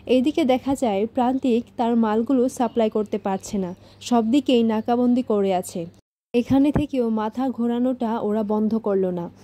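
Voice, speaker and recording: Woman, scripted narration, episode recap, highish pitch, warm dark tone, even reading voice. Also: normal speed.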